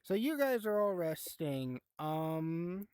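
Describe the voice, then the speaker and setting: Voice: mid-range voice, sing-song, slow, darkish tone, smooth, no echo. A game master running a live tabletop horror game in a laid-back, chatty way, laughing and swearing now and then.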